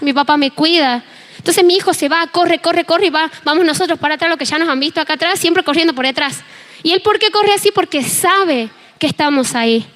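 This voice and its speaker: Argentine woman preaching, high voice, tells her story all animated and acts out the back and forth. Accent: Argentine Spanish. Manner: animated storytelling, acting out dialogue. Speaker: preacher and worship team member. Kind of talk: sermon with personal testimony.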